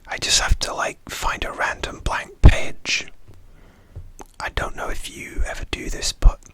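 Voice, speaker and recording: Slow, whispered ASMR pep talk. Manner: slow, gentle, hesitant, confiding. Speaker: ASMR video host. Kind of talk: whispered ASMR, softly encouraging affirmations and personal chat, a whispered pep talk.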